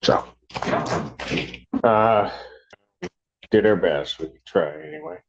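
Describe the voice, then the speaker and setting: A man presiding as judge, captured on a courtroom recording, firm and quick to cut in with "hold on.". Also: low voice, slight background noise. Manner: firm, interrupts with repeated "hold on". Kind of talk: presiding over court hearings. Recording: dull courtroom audio recording.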